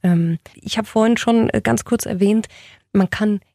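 A woman's voice: mid-range voice, measured pace, gravelly, mellow, no room sound. A woman speaking as a public radio host in a studio, welcoming guests politely and putting questions to them conversationally.

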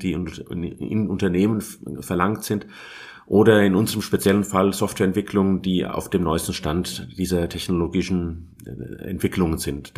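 A man answering as a guest from industry, thinking aloud and restarting phrases as he searches for the right word. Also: low voice. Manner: thoughtful, restarts phrases while searching for words. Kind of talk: conversational interview answer.

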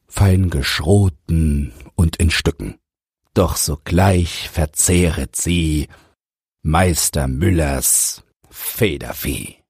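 A man reading rhyming verse aloud for an audiobook podcast, in a measured, rhythmic way. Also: low voice, darkish tone, breathy edge, dry recording, clean studio sound.

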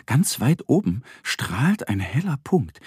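A man narrating a children's story in a slow, gentle, expressive bedtime-reading manner. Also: mid-range voice, breathy edge, dry recording, clean studio sound.

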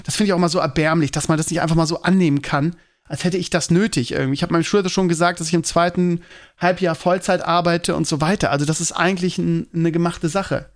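A man's voice: on the high side, fairly even intonation, fast. A man hosting his own podcast, talking casually to his listeners and rambling with lots of fillers and tag questions. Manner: rambling, many fillers and "ne?" tags. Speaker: podcast host and teacher.

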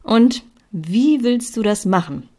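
A woman's voice: fairly high pitch, expressive, slow pace, darkish tone, pitched above the performer's own voice. A woman reading aloud, voicing a chatty, teasing young male friend in a storybook reading.

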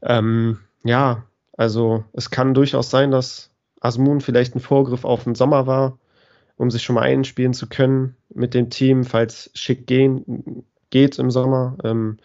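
A man co-hosting a podcast, giving hesitant, measured analysis with lots of fillers. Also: mid-range voice, flat delivery, a little mellow. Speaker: podcast co-host. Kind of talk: casual analysis. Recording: dull lo-fi sound.

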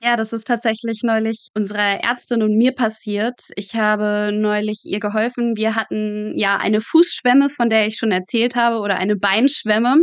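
A medical student in her twenties who works in a pathology practice tells anecdotes as an interview guest, and her storytelling is funny, vivid and colloquial. Her voice sits at a medium pitch with fairly even intonation, moving at a normal speed with hardly any pauses. The recording is dry.

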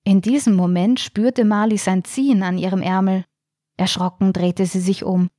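A woman narrating a short suspense story in a measured, tense storytelling manner. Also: medium pitch, fairly even intonation, dark tone, dry recording, clean studio sound. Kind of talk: scripted audiobook narration.

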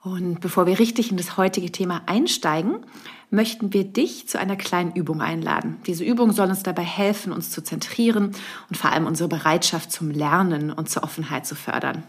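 Lowish-voiced woman podcast host. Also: brisk, slightly rough. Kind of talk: calm podcast presenting.

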